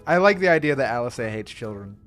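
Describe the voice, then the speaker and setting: A man's voice: medium pitch, lively intonation, fast, fairly bright tone. A young adult man streaming a game in casual commentary, joking and self-deprecating and laughing often. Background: faint game music.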